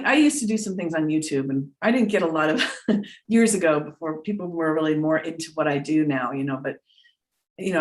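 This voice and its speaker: A woman talking casually about spiritual matters as a teacher, earnest and rambling as she thinks aloud. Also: deep voice. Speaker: spiritual teacher and trance channeler, guest speaker. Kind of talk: casual spiritual talk with personal anecdotes.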